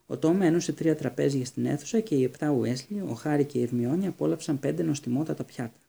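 Husky, mellow male audiobook narrator. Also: fairly high pitch.

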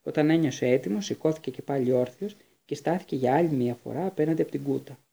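A man reading a fantasy novel aloud as an audiobook narrator, with steady storytelling. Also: fairly high pitch, creaky, husky.

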